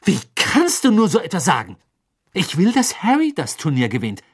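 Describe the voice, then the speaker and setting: A reader voicing a clever teenage girl witch in an audiobook, indignant and quick-talking. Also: medium pitch, huge pitch swings, breathy edge, pitched above the performer's own voice. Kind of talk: audiobook character voice.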